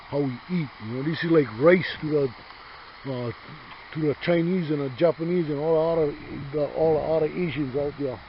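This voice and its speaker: A middle-aged man from Hawaii's Big Island with a Hawaiian Pidgin accent, talking casually outdoors in his yard, rambling, swearing freely and calling the listener brother. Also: fairly high pitch. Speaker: host. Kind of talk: casual chat. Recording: dull lo-fi sound with faint noise.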